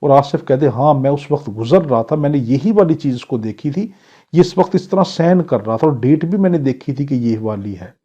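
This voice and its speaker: A Pakistani-accented man with a husky, dark, expressive voice of medium pitch delivers an exam-prep law lecture. He reads English clauses slowly, explains them in Urdu, and poses questions and answers them himself. The lo-fi recording sounds dull.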